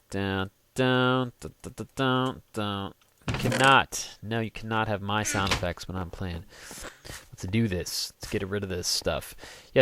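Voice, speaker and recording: A man's voice: on the low side, fairly bright tone. Joking man rambling over gameplay. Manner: jokey, rambling, sings goofy snippets. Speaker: gaming let's play host. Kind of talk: casual gameplay commentary.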